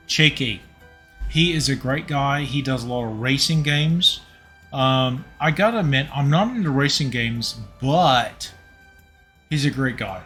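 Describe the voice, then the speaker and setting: A man's voice: mid-range voice, a bit bright. A tipsy man hosting a home cooking livestream, rambling casually and talking to his chat viewers. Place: home kitchen.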